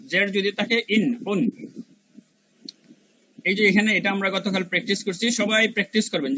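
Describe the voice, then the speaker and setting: High, bright-voiced man teaching recitation. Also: a little hiss or hum, rough recording. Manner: demonstrates syllables by repeating them slowly; colloquial, mixes in English words. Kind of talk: online review class teaching Arabic letter pronunciation.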